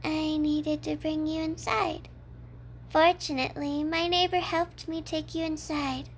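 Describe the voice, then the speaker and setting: A woman's voice: high voice, level tone, unhurried, a little hiss or hum. A woman playing a cheerful, obsessive yandere kidnapper in an ASMR role-play, talking coyly and matter-of-factly to a captive listener. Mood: matter-of-fact, fond. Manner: matter-of-fact, coy, addresses the listener as captive.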